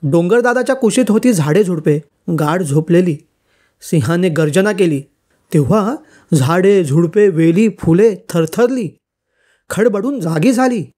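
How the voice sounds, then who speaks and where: A woman reading an old school-textbook story for children aloud, in a lilting, expressive storybook manner. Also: on the low side.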